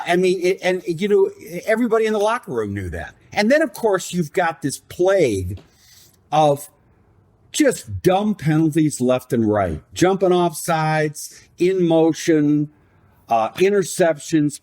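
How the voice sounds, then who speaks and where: A man co-hosts a casual sports podcast, lecturing with emphatic sarcasm. His voice sits a little high and swings widely in pitch as he presses each point. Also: a little mellow. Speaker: podcast co-host.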